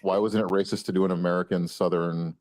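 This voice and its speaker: Very deep-voiced joking man from Israel. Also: fairly even intonation, quick pace, a little mellow. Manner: jokey, leans on "like" while telling stories. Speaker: co-host. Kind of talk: casual storytelling chat.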